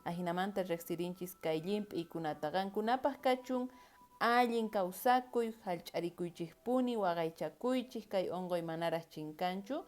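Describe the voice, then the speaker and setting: A woman from Bolivia, teaching a vocabulary lesson and repeating each word slowly for learners. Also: fairly low pitch, darkish tone.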